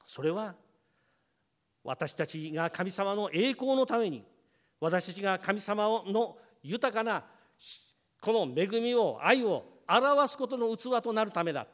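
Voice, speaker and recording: A man's voice: high-pitched, lively intonation, slow pace. A man preaching a sermon as pastor, telling a family story and acting out the voices of his family before addressing the congregation directly. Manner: storytelling, acts out family members' words. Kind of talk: sermon with personal anecdote.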